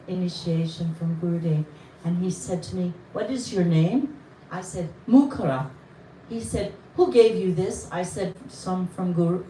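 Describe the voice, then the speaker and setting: A middle-aged woman telling a personal story of faith at a gathering, slow and halting with many pauses. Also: mid-range voice, darkish tone. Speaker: devotee sharing a memory. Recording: echoey room, distant mic, faint noise.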